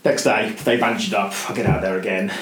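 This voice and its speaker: A man telling a story as a podcast guest, animated and full of restarts and repeated words. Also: fairly low pitch, quick pace. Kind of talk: casual storytelling in conversation. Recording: roomy with faint hiss.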